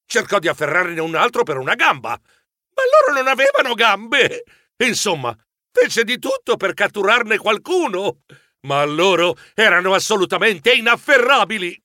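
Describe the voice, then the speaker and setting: Male audiobook narrator for children: animated, bright, playful. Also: sits high, normal speed, no echo, studio quality. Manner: expressive, playful storytelling.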